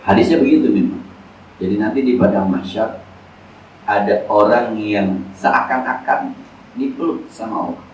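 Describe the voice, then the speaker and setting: A man's voice: lowish voice, moderate pace. A man giving a casual, joking Islamic study lecture in a mosque. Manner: casual, joking, slangy teaching. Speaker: Islamic teacher. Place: mosque hall. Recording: echoey hall, distant mic, faint noise.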